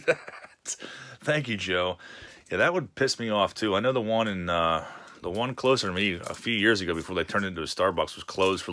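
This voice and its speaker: Seated at a home desk, a man chats casually with his live-stream chat while opening card packs. His voice is deep, with a bright, forceful tone. He's chatty, reading chat messages aloud and laughing.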